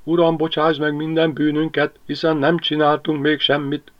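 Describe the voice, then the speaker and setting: A man's voice: medium pitch, very animated, voice pushed up, lightly acted. A man voicing an anxious, wistful young village woman in a lo-fi audiobook reading.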